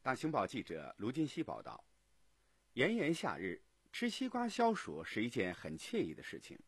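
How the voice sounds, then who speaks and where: A man presenting local radio news in a scripted, animated newsreader delivery. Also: mid-range voice, normal speed.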